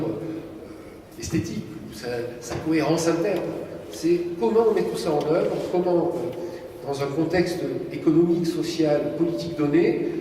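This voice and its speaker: A man's voice: on the high side, warm tone, slight background noise. A man speaking off the cuff on a panel, in a hesitant, discursive academic way. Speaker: panelist who teaches architecture. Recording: echoey hall, distant mic.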